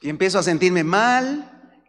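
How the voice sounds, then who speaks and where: A man preaching a sermon with a Mexican Spanish accent, animated and acting out examples while addressing the congregation. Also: high voice, measured pace. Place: church. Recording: reverberant church hall.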